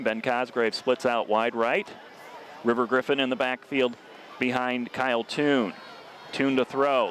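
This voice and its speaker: A man in a middle register calls a small-town high school football game from an outdoor booth, with faint open-air noise behind him. His delivery stays steady and even through the plays. It climbs hard and loud when a runner breaks free. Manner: steady, rises sharply on scoring plays. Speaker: play-by-play announcer.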